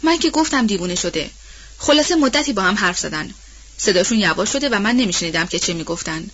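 A fretful old nanny woman, read by a woman in a storybook recording, rambling on in a loose, colloquial way. Her voice sits at a middling pitch. The sound is dull and lo-fi. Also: lively intonation, fairly bright tone, a little hiss or hum, natural voice. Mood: worried. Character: old household nanny woman, anxious and gossipy. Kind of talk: audiobook role-play reading.

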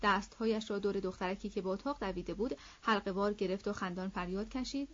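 A woman narrating a classic novel as an audiobook in a steady, measured reading voice. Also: mid-range voice. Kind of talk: scripted literary narration. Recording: slightly dull lo-fi audio.

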